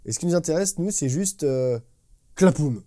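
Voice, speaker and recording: A man's voice: a little high, brisk, mellow. A man teaching a casual drum lesson, enthusiastic and slangy, imitating drum fills with spoken syllables. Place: drum studio. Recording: drum music playing behind the voice.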